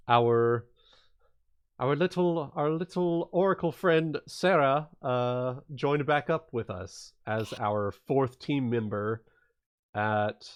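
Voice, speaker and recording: Acting as game master on a casual livestream, a man explains and recaps the game in an informal, halting manner, swearing here and there. His voice is medium-pitched, and the recording is clean studio sound with no room noise.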